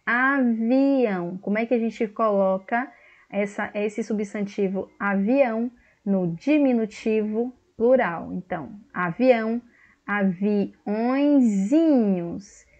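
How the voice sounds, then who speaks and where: A woman teacher with a Brazilian Portuguese accent, giving a video grammar lesson, slow and explanatory, often checking that students follow. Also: medium pitch, a little mellow, muffled recording. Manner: slow, explanatory, repeats words and checks with "tá certo?".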